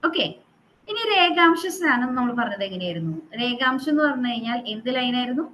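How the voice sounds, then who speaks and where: A woman's voice: sits high, lively intonation, a little fast, a bit bright, rough recording. A woman teaching a geography class who quizzes her students and repeats the figures to drill them, mixing in English terms.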